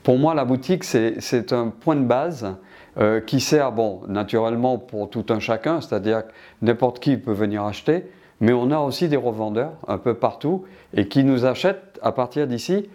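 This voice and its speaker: A man's voice: medium pitch, lively intonation, normal speed, a little mellow. An older man from Martinique answering interview questions about his business, hesitant with many restarts.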